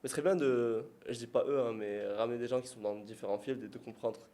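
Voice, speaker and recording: Male speaker, mid pitch, self-conscious and rambling, casual podcast chat. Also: steady tone, quick pace, warm tone. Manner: hesitant, rambling, self-conscious, laughs at himself. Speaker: podcast guest and business partner.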